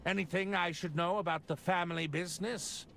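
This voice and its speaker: A man's voice: sits high, fairly even intonation, a little fast, creaky, bright, forceful tone, faint music behind, full character voice. A man playing an earnest, awkward, politely inquisitive novelist detective in a comedic game. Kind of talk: comedic adventure game acting.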